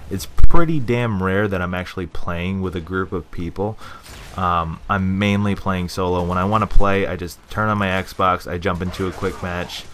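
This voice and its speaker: A man's voice: sits low, sharp tone. A young man giving casual gaming opinions, rambling with lots of fillers and restarts. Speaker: gaming video creator.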